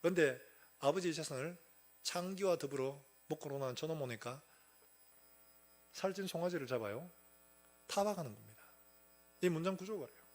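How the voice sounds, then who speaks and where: A male pastor delivers a sermon emphatically. He keeps throwing rhetorical questions at the congregation, and his speaking voice sits a little higher than most men's.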